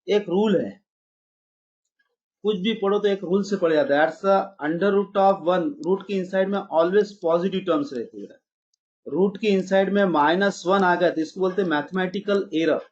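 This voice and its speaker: A man's voice: sits high, moderate pace, muffled recording. A man teaching a math class online, calling his students "beta" and mixing English math terms into his explanations.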